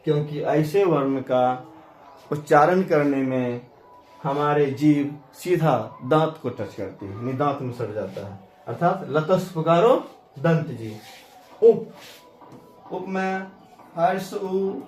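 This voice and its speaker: A man teaching a grammar lesson, sounding out letters one by one in a slow, deliberate way. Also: fairly high pitch, lively intonation. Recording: echoey room with faint ambient noise.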